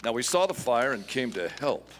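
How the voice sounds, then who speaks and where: A man playing a calm, commanding masked lawman of the Old West in a radio western, speaking deliberately. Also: mid-range voice, close to an everyday voice. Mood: calm, firm. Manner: deliberate, measured, authoritative. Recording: echoey hall, noisy live stage recording.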